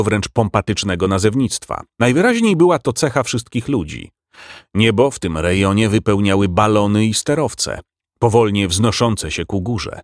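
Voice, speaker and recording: A man reading a fantasy audiobook with expressive storytelling. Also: lowish voice, no room sound, clean studio sound. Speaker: audiobook narrator. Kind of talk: scripted narration.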